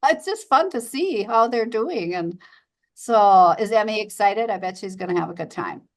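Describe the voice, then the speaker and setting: A woman's voice: mid-range voice, animated, moderate pace. A woman guest talking casually in a small-town community chat. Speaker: interview guest.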